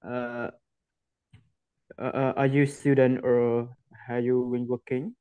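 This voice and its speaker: A man's voice: mid-range voice, level tone, takes it slowly, clean tone, no echo, narrow, tinny audio. Young male English learner from Vietnam, hesitant, dry close sound. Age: young adult. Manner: hesitant, restarts, asks simple questions. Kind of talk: conversation practice. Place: indoor room.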